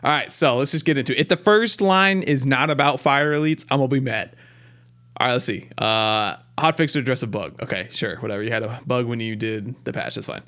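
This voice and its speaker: Patch notes get read out by a gaming-video host whose mid-range voice moves fairly quickly. He keeps up an excited, wry running commentary, relaxed and recorded on a close desk mic.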